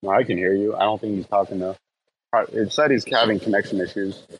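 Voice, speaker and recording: A man with a fairly low voice drops short, offhand remarks into a casual online chat. A faint hiss of noise sits behind him. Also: steady tone, fast, low-quality recording.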